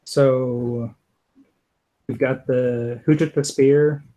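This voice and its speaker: Slow, deliberate man player. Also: mid-range voice, mellow, rough recording. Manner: slow, deliberate, thinking aloud. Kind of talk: casual tabletop game play.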